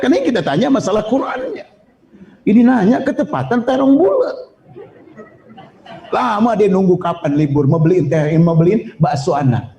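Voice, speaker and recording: A man preaching a sermon to parents, telling humorous stories and urging patience. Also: fairly high pitch. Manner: storytelling, humorous, animated exhortation. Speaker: Islamic preacher.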